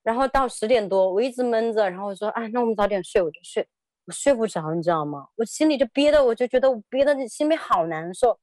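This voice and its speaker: A woman in her thirties tells a personal story in an interview, her fairly high, darkish voice moving fast with lively intonation. She is hesitant, tends to repeat words, and laughter breaks in. The sound is dry and close, with no room echo.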